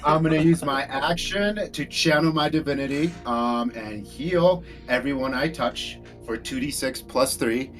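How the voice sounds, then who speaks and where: A man's voice: mid-range voice, measured pace, few pauses, a bit bright, soft background music. A man playing a tabletop game, laid-back and bantering with the group. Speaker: player.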